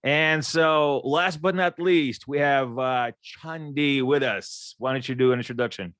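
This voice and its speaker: A man's voice: mid-range voice, a little slow, fairly bright tone, no echo. A middle-aged man from Ukraine moderating a casual panel chat, joking and stumbling over repeated words.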